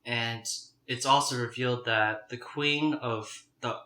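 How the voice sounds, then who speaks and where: A young man with a bright, forward voice hosts a casual eating video over crunchy fried chicken. He talks to the camera in a halting, conversational way. The sound is roomy, as in an echoing home kitchen. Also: mid-range voice, steady tone. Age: young adult. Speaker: mukbang video host.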